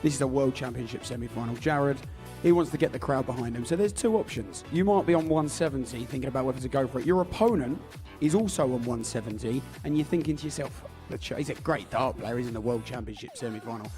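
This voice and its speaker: A man's voice: medium pitch, animated, fast talker, mellow, faint music behind. A man presenting darts, talking through tactics in a chatty way, thinking aloud with small restarts. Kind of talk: explaining darts tactics to camera.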